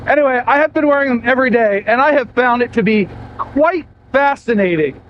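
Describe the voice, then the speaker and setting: A man talking loudly to camera while riding a motorcycle, raising his voice over the wind. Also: extremely high pitch, expressive, brisk. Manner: loud, yelling over wind noise. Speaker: motorcycle vlogger. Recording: muffled sound with faint engine and wind noise.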